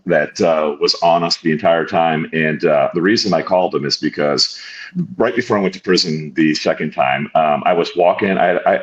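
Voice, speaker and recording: A very deep-voiced middle-aged man from northern Illinois tells his life story as a guest, rambling and repeating himself. The sound is a little dull and lo-fi. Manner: rambling, repeats words, self-corrects. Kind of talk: candid conversational storytelling.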